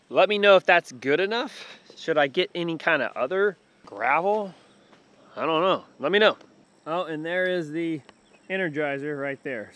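A man in his thirties with a Texan accent, chatting excitably as he films himself at arm's length outdoors on a rural homestead. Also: on the high side. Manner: chatty, excitable, talks to the animals. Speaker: homesteader showing his animals. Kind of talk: casual walk-and-talk vlog. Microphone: handheld camera held at arm's length.

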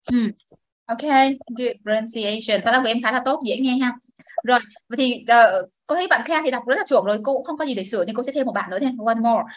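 A woman teacher runs a classroom lesson, her voice sitting a little high. She explains patiently and models each word for the class to repeat, and the sound is close and dry with little room echo. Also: fast. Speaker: English teacher. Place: classroom with students.

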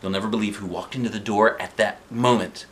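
A man in his thirties, voice fairly low and brisk, reads a children's book aloud to kids from his living room sofa. He's animated and playful, doing character voices and tossing in asides. There's slight background noise.

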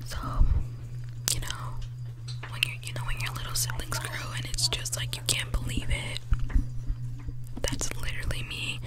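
A breathy whisper from a teenage girl, very close on the microphone. She rambles casually in ASMR style, keeping her words unvoiced and intimate in a small indoor room. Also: poor audio. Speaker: ASMR creator. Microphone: desktop condenser mic, very close.

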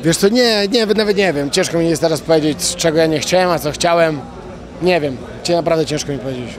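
A young man, a fighter, answering post-fight interview questions outdoors into a handheld mic, halting with many fillers and restarts and blunt slang. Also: a little high. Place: outdoors at an event press wall. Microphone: handheld reporter mic.

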